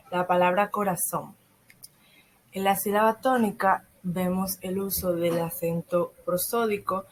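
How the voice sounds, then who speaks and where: A teenage girl, a secondary school student, reading a school lesson aloud from a script and slowing down on the examples. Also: fairly low pitch, husky, rough recording. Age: teens.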